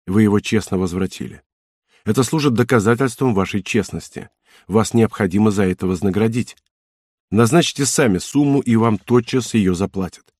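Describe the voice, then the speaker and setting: A man reading an audiobook, voicing Marius, a serious young husband who speaks in an earnest, measured way. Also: fairly low pitch, darkish tone, dry recording, clean studio sound, lightly acted.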